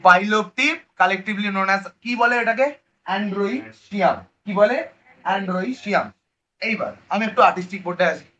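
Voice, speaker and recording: This Bengali-accented biology teacher has a high, sharp voice and speaks slowly in his casual online lecture. He quizzes students, supplies his own answers and sprinkles in English terms, all on a dull lo-fi recording.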